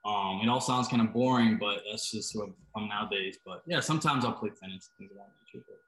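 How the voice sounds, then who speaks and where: Hesitant low-voiced man in echoey room. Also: quick pace, a bit bright. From Costa Rica. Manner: hesitant, many fillers and restarts. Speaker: startup founder, guest. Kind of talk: casual interview answers. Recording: roomy, echoey sound.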